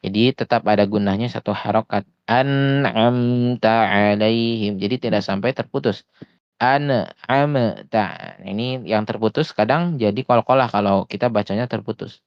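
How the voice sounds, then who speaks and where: A man teaching Quran recitation in an online lesson, explaining patiently with frequent hesitations and slowing down to demonstrate sounds. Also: fairly low pitch, no room sound, muffled recording. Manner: often slows to demonstrate sounds. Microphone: voice chat headset or desktop mic.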